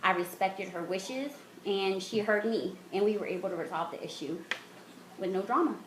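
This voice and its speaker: A woman hosting a casual chat, talking in a measured, reflective way. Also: medium pitch. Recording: echoey room with faint noise.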